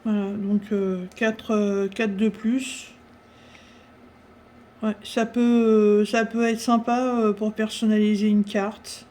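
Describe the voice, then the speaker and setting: A woman chatting casually through a craft-supply haul, talking with many pauses and fillers. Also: mid-range voice, level tone, warm tone.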